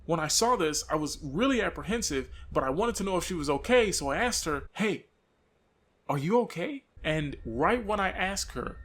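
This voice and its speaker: A young man telling his own eerie out-of-body experiences in a casual, earnest way. His pace quickens at the tense parts. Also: on the high side, a bit bright. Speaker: storyteller. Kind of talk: casual first-person storytelling.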